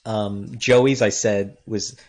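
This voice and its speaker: The co-creator and voice actor of a web series chats casually on a stream, his fairly low voice moving slowly. He sounds lively but hesitant, filling his speech with lots of ums and restarts.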